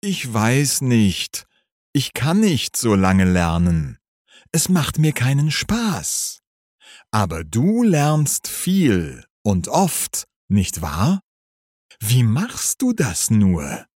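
A man voicing a bored, restless teenage schoolboy in a read-aloud story, speaking slowly and carefully. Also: mid-range voice, huge pitch swings, a little mellow, dry recording, studio quality, voice pushed up, full character voice. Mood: puzzled.

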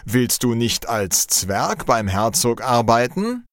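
A man's voice: mid-range voice, sing-song, slow, a bit bright, no echo, clean studio sound. A man voicing a stern male palace overseer who scolds the crowd, in a storybook reading.

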